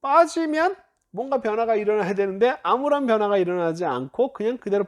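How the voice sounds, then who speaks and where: A man's voice: high voice, expressive, a little fast. A man teaching Hebrew grammar in a lecture, explaining step by step with frequent prompts and self-corrections. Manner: explanatory, uses many "자" prompts, self-corrects and laughs lightly. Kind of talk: recorded classroom-style lecture.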